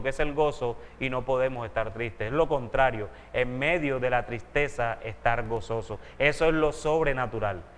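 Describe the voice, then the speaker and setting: A pastor preaches in a steady mid-range voice and teaches earnestly, often turning to his listeners with questions. His voice rings out with a long reverb from a church hall. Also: medium pitch. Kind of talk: sermon.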